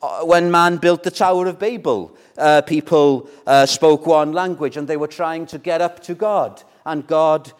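An older Welsh-speaking pastor from Wales preaches a sermon in a conversational way, with rhetorical questions and repeated words. His voice is a little high and a little slow, clear and resonant, with hardly any pauses. His loudness rises and falls widely, swelling and then dropping almost to a whisper.

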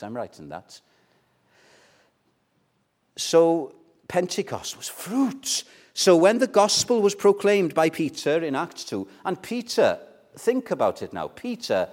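In a sermon delivered conversationally, this older Welsh pastor, a Welsh speaker, leans on rhetorical questions and repeated words. His voice is a little high. He swells in volume, then drops nearly to a whisper, with wide swings in loudness.

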